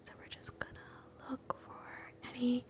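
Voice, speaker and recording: Softly whispering woman, ASMR host. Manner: soft unvoiced whisper, gentle and slow; chats with live viewers between steps. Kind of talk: whispered ASMR role play.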